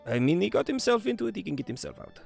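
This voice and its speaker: A man voicing a haughty French gentleman adventurer with a put-on French accent, dismissive of his hurt friend. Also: high-pitched, very animated, very fast, creaky, faint music behind, voice pushed up, full character voice. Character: smug dark-haired French gentleman adventurer.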